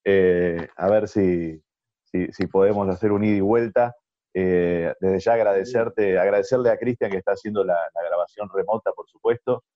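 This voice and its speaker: A man hosting a casual interview, talking in a halting way with many fillers. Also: deep voice, steady tone, dry recording, muffled recording. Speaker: host.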